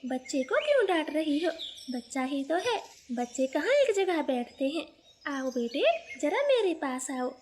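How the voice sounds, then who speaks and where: A woman voicing a gentle, patient young wife bird in a cartoon, speaking softly and meekly. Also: high-pitched, big pitch swings, a little slow, a little hiss or hum. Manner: soft, patient, meek.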